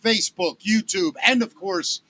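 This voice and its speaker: Male podcast co-host, bright and a touch high, eager and effusive. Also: moderate pace. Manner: enthusiastic, effusive. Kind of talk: casual podcast chat.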